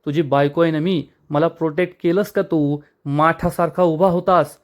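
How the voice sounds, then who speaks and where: A man's voice: fairly high pitch, fairly even intonation, normal speed, lightly acted. A man voicing a spiteful, scheming young woman from a TV serial, scolding and indignant. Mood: angry.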